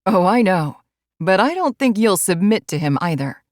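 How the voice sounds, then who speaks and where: A woman voicing an easygoing blonde adult male alpha who murmurs in a relaxed drawl. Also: mid-range voice, normal speed, no echo, clean studio sound, close to an everyday voice.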